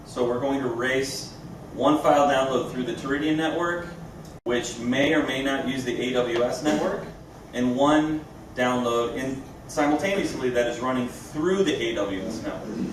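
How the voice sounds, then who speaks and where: A man's voice: mid-range voice, moderate pace. Very echoey, distant man presenting a demo. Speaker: company presenter. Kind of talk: live product demo presentation. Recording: echoey room, distant mic, clear background noise.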